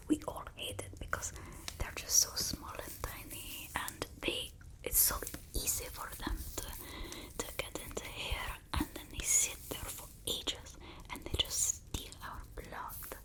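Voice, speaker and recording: This is a lightly acted ASMR roleplay with poor audio, where a woman whispers softly and breathily as an imperious female vampire mistress. She speaks slowly, drawing out her words as she fussily complains and scolds her human familiar.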